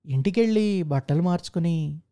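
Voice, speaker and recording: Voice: mid-range voice, animated, moderate pace, dark tone, lightly acted. A narrator playing a humble, crafty male office clerk who explains himself politely to his boss. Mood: deferential. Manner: deferential, polite.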